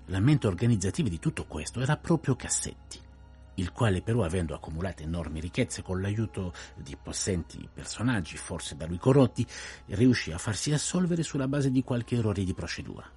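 A grave, very deep-voiced detective. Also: male voice, animated, mellow, breathy edge, faint music behind, heavily acted. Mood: measured. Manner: measured, grave storytelling. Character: precise, courteous older male detective. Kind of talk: radio play acting.

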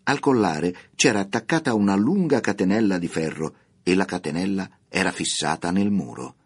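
Deep-voiced man narrating a radio tale. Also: breathy edge. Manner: measured, expressive reading. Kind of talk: scripted radio story narration.

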